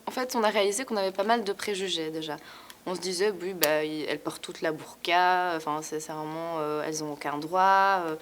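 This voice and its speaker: A woman's voice: fairly low pitch, brisk, slight background noise. Young Palestinian woman narrating. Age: young adult. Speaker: interviewer and narrator. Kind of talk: reading narration and interviewing.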